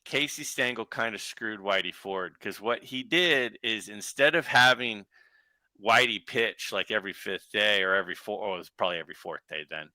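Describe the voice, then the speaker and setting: A man tells long, rambling stories as a podcast guest, doubling back on himself with quick asides. His voice is strikingly bright and forceful. The sound is dry and close. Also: fairly low pitch, no echo. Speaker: guest collector. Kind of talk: casual podcast chat.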